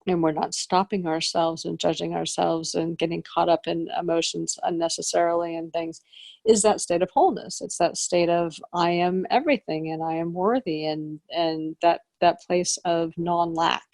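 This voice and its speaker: A woman's voice: lowish voice, fairly even intonation, moderate pace, creaky, darkish tone, no room sound. A woman co-hosting a podcast, talking in a rambling, reflective way with frequent restarts as she searches for words. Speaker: podcast co-host. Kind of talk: casual spiritual conversation.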